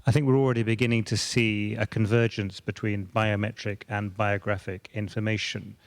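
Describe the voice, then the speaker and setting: A man speaking as a panelist at a conference, measured, sometimes repeating words as he thinks. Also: fairly low pitch, level tone, no echo.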